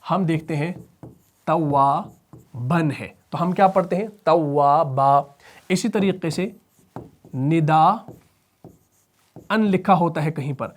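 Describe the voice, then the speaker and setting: A man teaching Quran recitation rules in a lesson, explaining patiently, asking and answering his own questions, and chanting verses slowly and melodically. He speaks with a Pakistani Urdu accent. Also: fairly high pitch. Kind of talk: tajweed lesson with recited examples.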